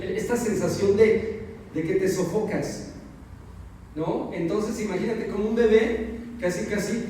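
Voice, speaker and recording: A man's voice: on the high side, mellow, a little hiss or hum. A man giving a psychotherapy lecture, explaining ideas patiently and checking in with his listeners. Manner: explanatory, repeats key phrases and checks in with "¿no?". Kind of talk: public lecture. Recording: echoey hall, voice from far off.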